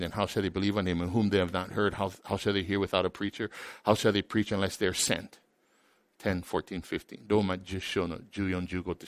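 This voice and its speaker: A man preaching a sermon as a pastor, switching between two languages and swinging from loud emphatic peaks to quiet asides. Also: deep voice, dry recording. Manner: alternates each point between two languages. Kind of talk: bilingual sermon.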